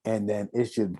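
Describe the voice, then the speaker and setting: A man's voice: sits low, a little mellow. A man co-hosting a casual anime review podcast, laid-back and hesitant, with frequent ums and repeated words. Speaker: podcast co-host.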